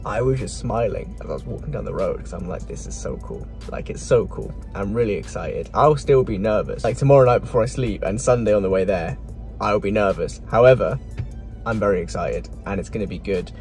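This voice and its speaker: A man with a slightly low voice talks casually to his phone camera late at night. He rambles quickly through his plans, in a plain phone video recording with music in the background. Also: a little mellow. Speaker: vlogger.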